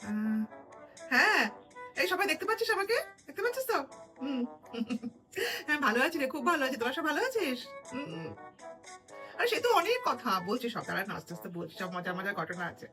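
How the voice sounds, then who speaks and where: Middle aged lady gossiping on a call, high voice, swoops all over the place, super chatty. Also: big pitch swings, fairly quick, long pauses, music in the background. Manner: chatty, gossipy, scolding bursts. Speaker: comedy video creator. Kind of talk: comic monologue as a gossiping mother on a call.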